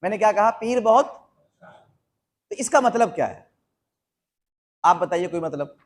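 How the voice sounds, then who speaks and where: High-voiced man preaching a sermon. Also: expressive. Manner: questions the audience and repeats phrases for emphasis; slows down to spell out quoted phrases. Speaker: Islamic preacher. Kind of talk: live sermon to a seated audience.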